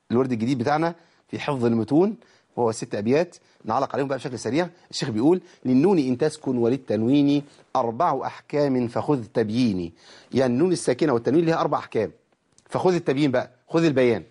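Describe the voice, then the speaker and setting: A man's voice: mid-range voice, racing, pauses often, darkish tone, slightly rough. A man with an Egyptian accent teaching the rules of Quran recitation, explaining verse lines in casual colloquial speech and quizzing his students. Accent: Egyptian Arabic. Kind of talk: religious lesson explaining verses.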